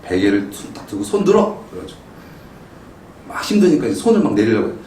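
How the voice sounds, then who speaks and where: A middle-aged male pastor preaching a sermon, telling a family story and acting out his own shouted lines with animated storytelling. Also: on the low side, fast, slight background noise. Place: church sanctuary. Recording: roomy echo, mic some distance off.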